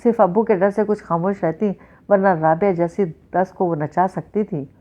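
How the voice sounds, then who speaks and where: A woman's voice: mid-range voice, warm tone. A woman reading an episode of a novel aloud, narrating and speaking the characters' lines in a mostly plain voice. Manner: reads all characters' dialogue in a mostly plain voice, with small restarts. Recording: dull lo-fi recording.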